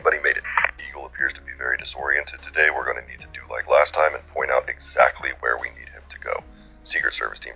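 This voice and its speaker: A man giving deadpan play-by-play as a mock Secret Service dispatcher, heard over a police radio. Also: rumbling low, vocal fry, slightly rough. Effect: police radio dispatch sound. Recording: dull lo-fi radio sound with faint music.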